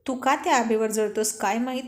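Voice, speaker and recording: Brief: teasing, bossy young man, blunt banter, slightly high voice, echoey room, read by a woman storyteller. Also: brisk, lightly acted. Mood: joking.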